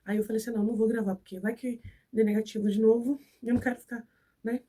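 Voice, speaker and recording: This young Brazilian vlogger talks fast in a slightly high, dark voice with fairly even intonation, picked up by a distant mic. She has a cold and chats to viewers in Brazilian Portuguese, recounting a personal story and voicing who said what.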